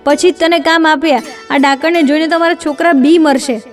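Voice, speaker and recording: A woman's voice: sits high, steady tone, normal speed, natural voice. A woman reading the lines of scornful villagers, in a contemptuous way. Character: scornful villagers turning away strangers. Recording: distant mic, faint music.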